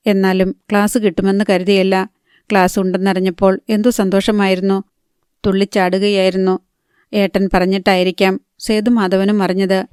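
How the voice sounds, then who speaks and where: Flat, smooth-voiced woman narrating a novel. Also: medium pitch, no room sound, clean studio sound. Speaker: audiobook narrator.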